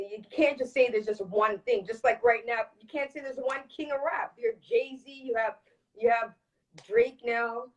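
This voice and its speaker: In a low-quality recording, a Toronto woman with a slightly high voice chats casually during a live interview about her work as a reggae dancehall singer. She talks frankly and forcefully, repeating phrases to drive points home.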